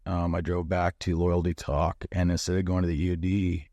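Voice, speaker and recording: Deep-voiced blunt man telling war stories. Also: a little fast, no room sound. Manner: blunt, profane, animated storytelling. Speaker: guest, former bomb disposal chief. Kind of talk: casual storytelling conversation.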